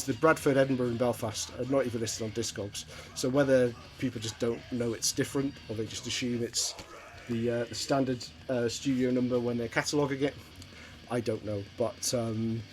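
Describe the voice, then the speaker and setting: A middle-aged man from Wales, chatting casually and hesitantly through a show-and-tell of his record collection. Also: mid-range voice. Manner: rambling, hesitant, many ums and restarts. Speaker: vinyl collector vlogger.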